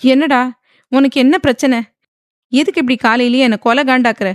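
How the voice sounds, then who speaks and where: A woman's voice: fairly high pitch, fairly even intonation, moderate pace, clear, resonant tone, dry recording, studio quality, close to an everyday voice. A woman voicing a defiant, tearful young bride in an audio novel, speaking sharply.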